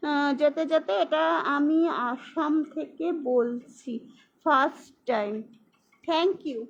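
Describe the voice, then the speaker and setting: A woman selling clothes on a live stream, briskly repeating prices and a phone number. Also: high-pitched. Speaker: online clothing seller. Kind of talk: live-stream sales pitch. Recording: slightly dull, faint hiss.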